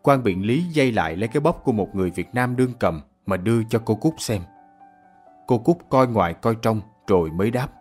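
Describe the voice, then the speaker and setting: Low-voiced male storyteller. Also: animated, fairly quick, darkish tone, soft background music. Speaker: narrator. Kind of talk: radio drama narration.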